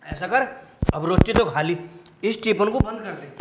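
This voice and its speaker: An actor playing a crafty, greedy village priest who teases and boasts. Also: male voice, high voice, animated, a little slow. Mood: teasing. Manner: teasing, boastful. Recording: roomy echo, faint noise.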